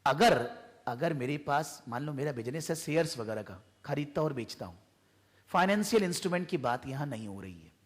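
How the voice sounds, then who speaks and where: A man's voice: on the high side, animated, a little fast, in a large hall. A man with an Indian accent teaches accounting in a tuition classroom, explaining through repeated examples and questions. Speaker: accounting tutor. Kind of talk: classroom lecture.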